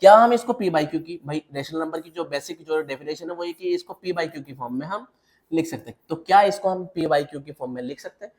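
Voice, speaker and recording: A man's voice: a little high, a little fast, a little mellow. A man teaching a maths lesson, walking step by step through examples and checking in with the class. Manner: repetitive checks with the class, mixing English terms into Hindi. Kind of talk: classroom lecture.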